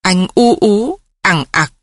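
Chị kể truyện văn học buồn, đọc thong thả, giọng hơi hơi khàn thở, thu âm khô không vang. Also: female voice, medium pitch, expressive, dry recording, studio quality. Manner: slow, mournful, measured. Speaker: narrator. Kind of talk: slow literary story reading.

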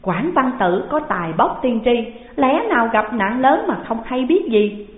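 A woman's voice: on the high side, expressive, a little slow. A woman doing a tearful male immortal master. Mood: mourning. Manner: tearful, solemn. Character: grieving male immortal master, earnest and resolute. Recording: tinny phone-like sound, long hall echo.

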